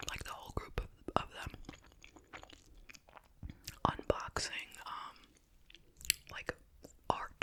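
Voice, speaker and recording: This ASMR host whispers breathily, sharing gossipy anecdotes in a relaxed chit-chat style broken up by pauses.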